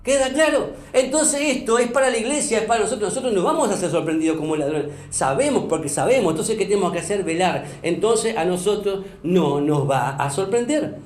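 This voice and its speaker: A man's voice: high-pitched, animated, a little fast, few pauses, a little mellow. A man preaching a sermon as pastor, emphatic, repeating phrases and asking the congregation questions. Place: church hall. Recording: echoey church room.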